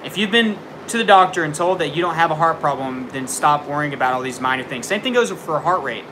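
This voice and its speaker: He's a young man with a high-leaning voice, lively intonation, and a fast delivery, hosting a relaxed livestream from home. Answering viewer questions, he hands out frank tough-love advice loaded with fillers. There's noise in the background, and the storm outside his window leaves him jumpy and startled by thunder.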